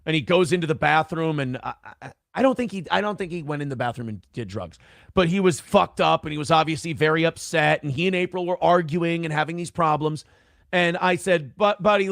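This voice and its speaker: A man's voice: fairly high pitch, creaky, a bit bright, no room sound, studio quality. A man telling a long personal story on a live call-in show, casual, profane and rambling. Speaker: guest telling his story.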